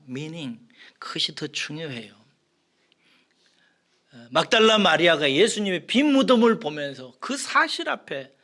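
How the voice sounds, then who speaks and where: A male pastor with a voice on the high side preaches an expository sermon, posing questions to the congregation and answering them himself. He swings between loud emphasis and soft, whispered lines.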